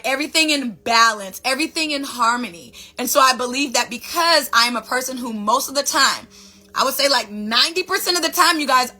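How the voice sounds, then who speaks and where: A woman's voice: high voice, bright, forceful tone. A woman hosting her own vlog, talking casually and expressively to viewers. She repeats phrases for emphasis and calls them "baby" and "you guys". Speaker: vlog host, wellness speaker. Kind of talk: casual motivational talk to camera.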